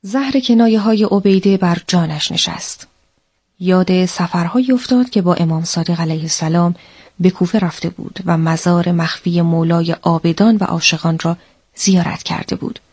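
A woman narrating a religious story in a steady, expressive way. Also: lowish voice, husky.

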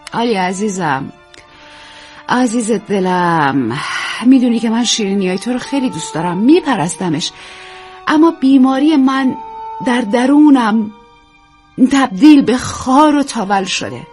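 A woman voicing a melodramatic, self-pitying aging stage actress who talks in drawn-out, sighing repetitions. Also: medium pitch, natural voice.

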